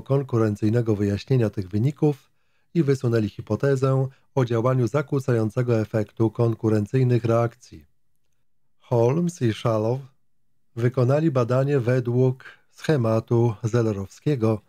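Mellow-voiced man reading a textbook. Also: mid-range voice, no room sound. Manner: steady, measured, even-toned reading. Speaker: audiobook reader. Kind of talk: reading a nonfiction psychology text aloud.

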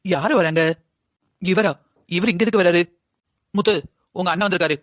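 A man's voice: high-pitched, moderate pace, a bit bright. A man voicing an irritable middle-aged mother-in-law in a cartoon drama. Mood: irritated. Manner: complaining, curt.

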